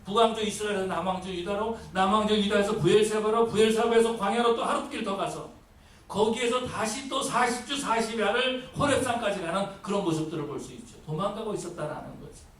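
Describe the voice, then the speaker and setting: A male pastor preaching a sermon, rising to emphatic pleas and dropping to a hush. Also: high voice, a little fast. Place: church sanctuary. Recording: echoey church hall, mic at a distance, faint hiss.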